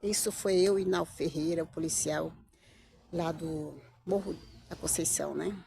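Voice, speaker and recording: A middle-aged woman, telling a personal story in a casual vlog. She talks in an animated way, repeats herself and acts out the lines others said to her. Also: low-pitched, a little slow, creaky.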